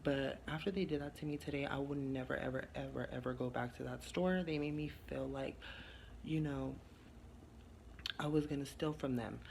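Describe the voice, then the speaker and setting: Man, casual vlogger, sassy and rambling, gravelly fry, faint hiss behind. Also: mid-range voice, fairly even intonation, moderate pace, darkish tone. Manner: chatty, sassy, rambling with many fillers. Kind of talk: casual vlog talk to camera. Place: his garage.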